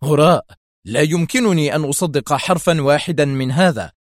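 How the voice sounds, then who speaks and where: A man reading a story aloud, voicing an angry, agitated male intelligence officer who keeps snapping and shouting. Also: fairly high pitch, fast, no room sound, clean studio sound, lightly acted. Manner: sharp, agitated outbursts.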